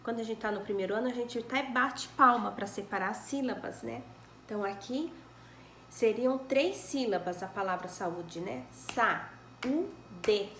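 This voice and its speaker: A woman's voice: fairly high pitch, a bit bright, roomy sound, slight background noise. A woman primary school teacher with a Brazilian accent, patiently correcting homework in a recorded lesson and checking in with the children as she goes. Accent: Brazilian Portuguese. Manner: patient, explains slowly, checks with "né?" and "tá bom?".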